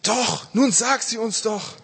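A man voicing an excitable orator who addresses a crowd with loud, declaiming enthusiasm in a storybook reading. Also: sits high, a little slow, husky, in a large hall, voice pushed up, exaggerated voice. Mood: impatient, eager. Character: excitable male crowd orator, rousing and eager.

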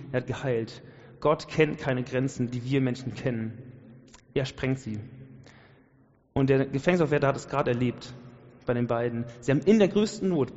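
A man's voice: mid-range voice, a little mellow. A man preaching a sermon, passionate and colloquial, building to emphatic peaks. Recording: dull sound with long hall reverb.

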